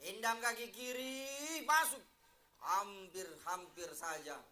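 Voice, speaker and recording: A man's voice: high voice, unhurried, bright, forceful tone, echoey room, slight background noise. A man giving live football commentary in short, separated phrases, like a stadium announcer.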